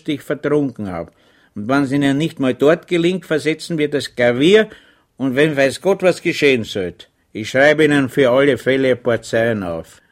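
Grumbling, hungover chaplain in a storybook, croaky and gloomy; a male reader does him. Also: mid-range voice, close to an everyday voice. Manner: sighing, complaining.

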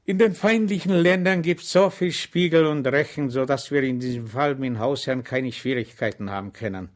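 A man's voice: mid-range voice, normal speed, natural voice. A man voicing a good-natured soldier orderly who talks amiably and rambles on deferentially. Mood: eager.

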